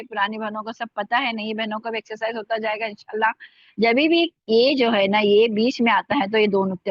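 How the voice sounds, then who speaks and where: A woman's voice: fairly high pitch, fairly bright tone, no room sound. Patient woman teacher drilling sounds. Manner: slow careful drilling of sounds, repeating words. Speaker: online language teacher. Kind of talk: spoken language lesson. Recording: dull lo-fi sound.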